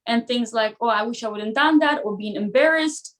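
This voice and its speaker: As a podcast guest, this woman, who isn't a native English speaker and is in her 30s or older, shares personal stories in casual chat, quoting dialogue as she goes. She speaks at a normal speed in a slightly high, somewhat bright voice.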